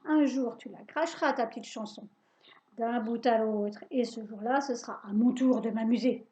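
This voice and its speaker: A woman voicing a sour, mean little old witch with a pointed, shrill voice and a mocking, sneering manner, in a dull lo-fi recording. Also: moderate pace, dark tone, lightly acted.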